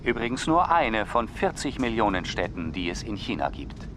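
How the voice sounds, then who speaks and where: A man's voice: fairly low pitch, big pitch swings, normal speed. A man playing an airline captain who makes formal flight announcements to the passengers, with a dry, joking edge. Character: male airline captain making cabin announcements. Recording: clear vehicle engine noise behind.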